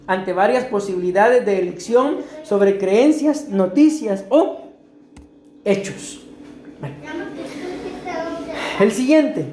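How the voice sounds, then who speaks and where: A woman's voice: a little high, darkish tone. Costa Rican woman preaching in an echoey room. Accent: Costa Rican Spanish. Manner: explains slowly, asks the congregation questions. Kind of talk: sermon teaching.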